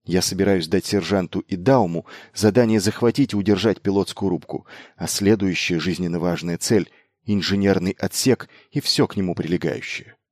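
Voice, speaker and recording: A man's voice: deep voice, a little mellow, dry recording, studio quality. A man reading a brash young noble commander. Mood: grim urgency. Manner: insistent, quick-witted, commanding.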